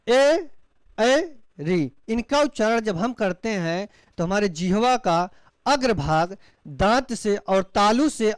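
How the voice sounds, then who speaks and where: Male teacher, smooth clear voice, dry sound; slow demonstrations of drawn-out vowels. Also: high-pitched, dry recording. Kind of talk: classroom lecture.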